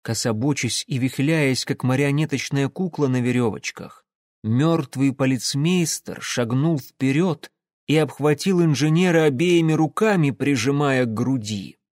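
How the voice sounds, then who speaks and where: A man's voice: mid-range voice, measured pace, a little mellow, no room sound, clean studio sound. A man reading an audiobook aloud in a dramatic, intense narration. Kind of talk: scripted narration.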